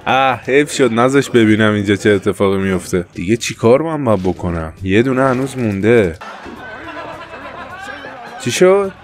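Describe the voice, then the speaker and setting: A young man with a fairly low voice talks through a video game in casual commentary. He trash-talks the game character and jumps sharply higher when he panics. Faint game music plays under his voice. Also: hardly any pauses. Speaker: gameplay commentator. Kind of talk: casual let's-play commentary.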